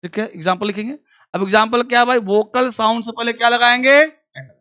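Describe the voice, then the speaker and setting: A man teaching a basic grammar class, quizzing students and slowly repeating phrases for them to write down. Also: very high-pitched, fairly even intonation, pushed and bright. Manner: questions the class and answers himself.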